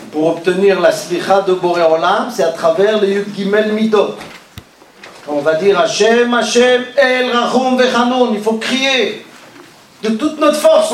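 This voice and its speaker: Animated man teaching in an echoey hall. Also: slight background noise. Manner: animated, questions and teases listeners, swings from loud calls to low murmurs. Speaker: rabbi teaching a class. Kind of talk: religious lesson. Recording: echoey room, voice from far off.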